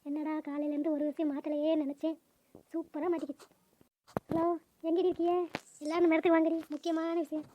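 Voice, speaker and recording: A woman voicing a nosy, sharp-tongued, gossiping old neighbor woman in a cartoon. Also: sits high, flat delivery, fast, long pauses, muffled recording, a little hiss or hum, natural voice. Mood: scheming.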